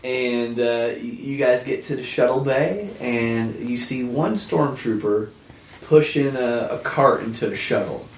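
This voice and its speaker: A man's voice: medium pitch, a little slow, recorded from a distance, slight background noise. A man running a tabletop game as game master, narrating loosely and laughing often. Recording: echoey room.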